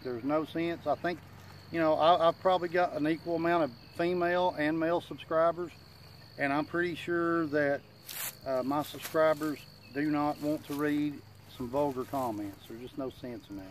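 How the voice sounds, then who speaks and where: A man's voice: a little high, steady tone, moderate pace. A middle-aged man chats casually in plain, self-deprecating country talk, slightly muffled by a dip in his lip, giving folksy advice to a camera outdoors. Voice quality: slightly muffled speech from chewing tobacco in the lip. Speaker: gardening channel host. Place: outdoors in a wooded yard. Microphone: camera a few feet away. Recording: outdoor insect and nature noise.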